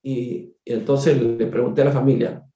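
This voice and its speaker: A doctor telling a case story during a spiritist book study, conversational and digressive, repeating words and turning to his listeners with quick asides. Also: mid-range voice, little pitch movement, mellow. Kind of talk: storytelling lecture. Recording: echoey room, dull lo-fi sound.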